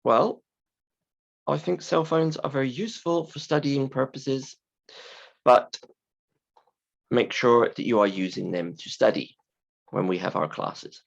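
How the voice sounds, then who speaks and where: Hoarse, croaky male teacher with creaky starts. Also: medium pitch, muffled recording. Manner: simple, deliberate phrasing for learners, emphatic. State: hoarse, croaky from a sore throat. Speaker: university English teacher. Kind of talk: scripted-slide lesson explanation.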